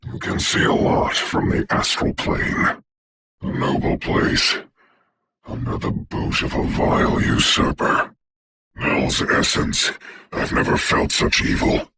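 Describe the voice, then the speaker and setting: A man voicing a proud, grave sorcerer doctor in a video game, speaking formally and theatrically in a rough, whispery voice. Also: slow pace, noisy background, lightly acted. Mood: grave, solemn. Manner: grandiose, formal, archaic, solemn delivery. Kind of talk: theatrical game character voice lines.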